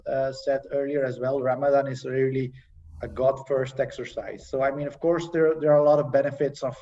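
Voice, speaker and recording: A young man sharing his experience as a panel guest in a casual, halting way, with many fillers and restarts, over a video call. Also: medium pitch, flat delivery, mellow, slight background noise. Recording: dull distant video-call audio.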